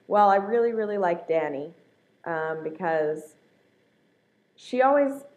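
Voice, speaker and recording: A woman's voice: lowish voice, a little mellow. A woman chatting casually and hesitantly, thinking aloud as she answers a list of fan questions. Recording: dull, lo-fi home recording.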